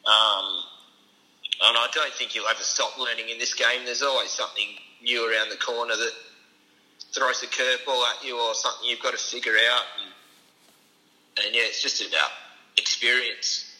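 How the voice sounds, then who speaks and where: An Australian man answers interview questions casually, in a strikingly bright, sharp voice. His pitch sits in the middle for a man. His way of talking is informal and understated, that of a working strapper. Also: steady tone, moderate pace, low-quality recording. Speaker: racehorse strapper, interview guest.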